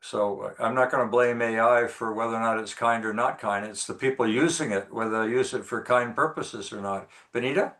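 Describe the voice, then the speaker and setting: A man's voice: mid-range voice, a little fast, few pauses, fairly bright tone. A man hosting and moderating a group discussion, speaking hesitantly with many fillers. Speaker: host and moderator.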